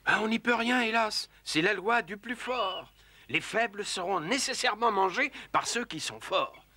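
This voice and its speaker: Bagheera, an animated high-voiced panther. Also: male voice, normal speed, full character voice. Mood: philosophical. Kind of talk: French cartoon dubbing.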